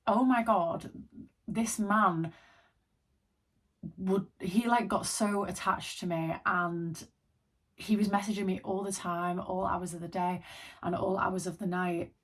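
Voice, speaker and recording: A woman's voice: medium pitch, steady tone, takes it slowly, pauses often. A hungover woman content creator chatting casually to camera, telling a personal story in an informal, rambling, self-deprecating way.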